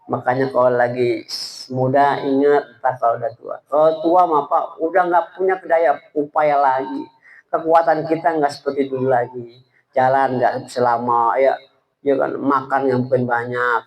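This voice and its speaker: A man giving an informal, halting sermon at a religious gathering, often speaking to the listeners directly. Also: medium pitch, steady tone, lo-fi sound. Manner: halting, stammering delivery; colloquial, addresses listeners directly. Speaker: preacher at a religious study gathering.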